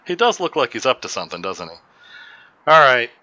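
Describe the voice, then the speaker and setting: Bright forceful guy running a goofy panel chat, laughs a lot, trips over words. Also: mid-range voice, sing-song, a little fast, dull audio, a little hiss or hum. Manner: laughs often, stumbles and restarts. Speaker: host of a live movie commentary show. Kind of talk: casual joking panel chat.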